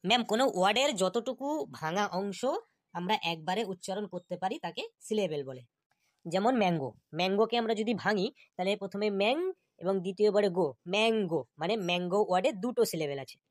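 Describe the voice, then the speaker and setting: A woman's voice: medium pitch, expressive, fast talker, natural voice. A woman voicing a diligent young schoolboy in a cartoon class, rattling off definitions for his teacher. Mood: dutiful.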